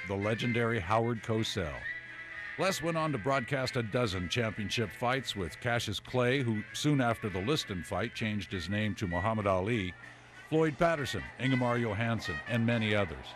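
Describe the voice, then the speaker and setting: A male news reporter narrates a sports history feature with lively, vivid storytelling, his pitch mid-range. Music plays clearly underneath his voice-over. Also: moderate pace.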